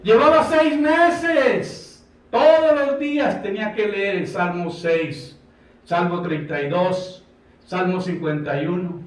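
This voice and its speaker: A Colombian man preaching a fervent sermon in a fairly high voice. He acts out conversations as he goes. The sound is very echoey and comes from a distance from the mic. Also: a little slow. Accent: Colombian Spanish. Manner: impassioned preaching, acting out dialogue. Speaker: pastor. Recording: echoey room from far off.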